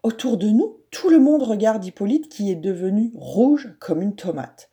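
A woman narrating a children's storybook softly and gently. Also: medium pitch, big pitch swings, normal speed, husky.

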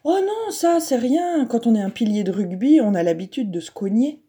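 A woman's voice: on the high side, expressive, normal speed, background noise, pitched above the performer's own voice, close to an everyday voice. A woman voicing an eager, sturdy schoolboy rugby player. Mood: cheerful. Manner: eager, enthusiastic. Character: sturdy good-natured boy rugby prop.

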